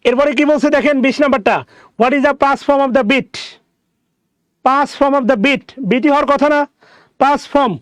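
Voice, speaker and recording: A man teaching a grammar lesson, explaining answers and repeating each word slowly for his students. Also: extremely high pitch, fairly even intonation, no echo.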